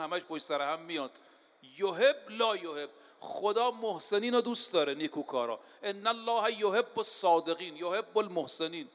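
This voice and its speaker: A man delivers a sermon in a high, carrying voice. He talks directly to his listeners and quotes scripture in Arabic with emphasis. His voice trails off into the long reverb of a large hall. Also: fairly bright tone. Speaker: preacher.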